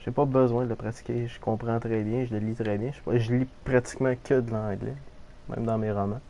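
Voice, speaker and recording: A man's voice: medium pitch, steady tone, fairly quick, dark tone, a little hiss or hum. A man with a Québécois French accent, casually commenting on a game for viewers and swearing freely. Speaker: game streamer.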